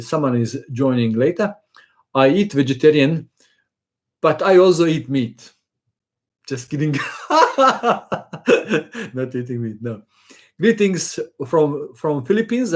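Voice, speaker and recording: A man's voice: on the high side, darkish tone. A man hosting a chess channel, chatting casually and jokingly as he reads out and answers viewer questions on a live stream.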